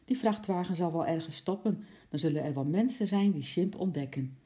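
A reader voicing a calm, cheerful male veterinarian father in a storybook reading. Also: mid-range voice, fairly quick, lightly acted. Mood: reassuring. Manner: calm, reassuring.

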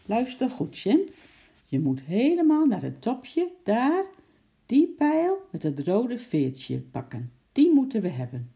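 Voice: mid-range voice, slow, vocal fry, pitched above the performer's own voice, full character voice. A narrator playing a coaxing young storybook girl. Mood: urging. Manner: coaxing, urging, lively. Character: caring young girl who owns a pet monkey. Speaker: storybook character. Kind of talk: children's audiobook reading.

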